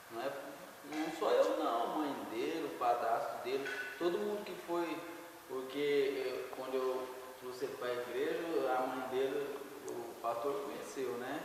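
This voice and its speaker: A man's voice: medium pitch, background noise. A man, a member of a church class, earnestly sharing a personal account. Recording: echoey hall, distant mic.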